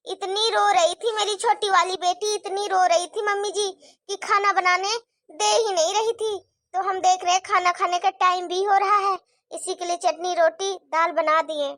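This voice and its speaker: A woman's voice: extremely high pitch, steady tone, moderate pace, no room sound, studio quality. A woman voicing a tired young wife and mother who pleads and defends herself in a cartoon story. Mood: pleading. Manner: pleading, defensive, soft complaining. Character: weary put-upon young wife with children.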